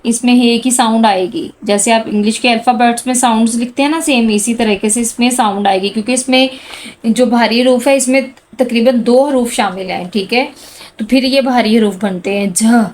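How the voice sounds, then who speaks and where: A woman teaching a handwriting lesson to children, speaking slowly and patiently and calling out each letter sound as she writes. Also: on the high side. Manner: slow, patient, addresses students as "beta"; calls out letter sounds one by one while writing.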